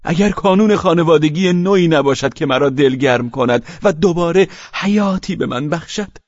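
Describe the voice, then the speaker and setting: A man voicing an anxious, fawning middle-aged man who pleads and stammers in a raised, wavering voice. The tone is husky and dry. The recording has a dull, lo-fi sound. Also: darkish tone, no room sound, close to an everyday voice. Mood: effusive. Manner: pleading, stammering and high-strung.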